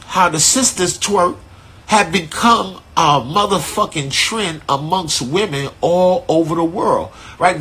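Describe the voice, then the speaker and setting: New guy telling a story on a phone live stream, real raspy, takes his time, keeps saying right?. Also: sits high. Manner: animated, profane, laid-back street slang with frequent "right?". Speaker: artist hosting a live stream.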